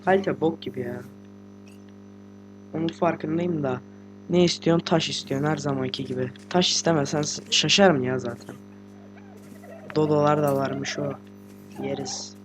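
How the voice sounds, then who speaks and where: Sick teenage boy, quiet gaming chatter. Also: a little high, fairly even intonation, moderate pace, pauses often, music in the background. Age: teens. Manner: chatty, slangy, joking and swearing. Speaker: gaming channel host. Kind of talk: casual let's-play commentary. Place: room at home with a computer.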